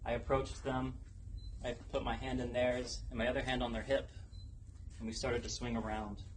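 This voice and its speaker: A young man, a contestant in a speech competition, tells a rehearsed personal story with dramatic, deliberate delivery and pauses for effect. His mid-range voice is flat, and the live recording carries noticeable background noise and event ambience.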